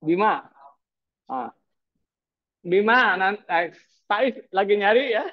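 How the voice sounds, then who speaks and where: Male lecturer grilling his class, teasing and repeating himself, high voice, thin phone-line sound. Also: animated, slow pace. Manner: prodding, teasing, repeats questions. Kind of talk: university lecture with class questioning.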